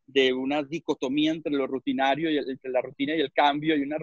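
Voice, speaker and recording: A man's voice: mid-range voice, flat delivery, dry recording. A man from Venezuela with a Venezuelan accent, speaking as a webinar panelist and often stopping to search for words. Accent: Venezuelan Spanish. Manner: halting, searches for words with many repeats. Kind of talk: panel discussion on a video call. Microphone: video call. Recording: muffled video call audio.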